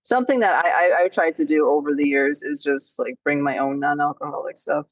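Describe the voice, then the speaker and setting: A woman hosting a podcast interview in a casual way, hesitant with many restarts and quick affirmations. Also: low voice, no echo. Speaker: podcast host. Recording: slightly dull, dry sound.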